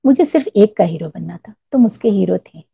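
A woman voicing a wistful young bride-to-be in a storybook reading, in a soft, reproachful manner. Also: mid-range voice, animated, fairly quick, slightly rough, dry recording. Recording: dull lo-fi recording.

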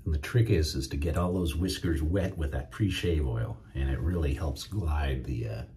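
A man's voice: extremely low pitch, moderate pace, mellow, a little hiss or hum. A middle-aged man chatting casually to viewers while shaving at home. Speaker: wet shaving YouTuber. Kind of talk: casual shaving demo chat. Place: home shave room, indoors.

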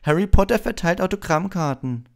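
A man putting on a cutting, arrogant schoolboy bully in a storybook reading, mocking and loud. The voice is pitched well above the reader's own and swings sharply. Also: animated, fairly quick, creaky. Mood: sneering. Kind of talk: audiobook reading.

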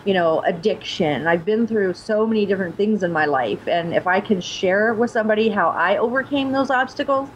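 A woman's voice: medium pitch, brisk, hardly any pauses, slight background noise. Woman in her forties, earnest and open, home video call, dull lo-fi sound. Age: 40s. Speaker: guest streamer. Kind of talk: casual video-call chat. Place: home room indoors. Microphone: laptop webcam mic on video call.

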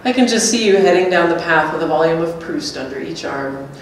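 In a staged literary dialogue before an audience in a small gallery room, a woman reads the part of a wry, blunt character in a teasing mood. Her deep voice is expressive and brisk. A distant camera captures her stand mic, leaving the sound very echoey with faint noise.

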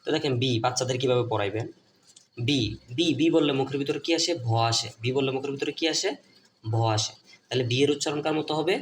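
A man's voice: medium pitch, quick pace, slight background noise. A man with a Bangladeshi Bengali accent, teaching a lesson at a board, repeating each point and asking and answering his own questions.

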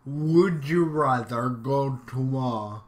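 A man's voice: mid-range voice, takes it slowly. A man reading out would-you-rather questions and answering them offhandedly in casual commentary. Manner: reads questions aloud, then answers offhand. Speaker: YouTuber.

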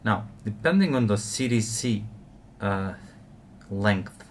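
Low-voiced man explaining fly tying. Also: slow pace, a little hiss or hum. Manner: relaxed, explanatory, frequent uh fillers. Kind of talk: step-by-step tutorial narration.

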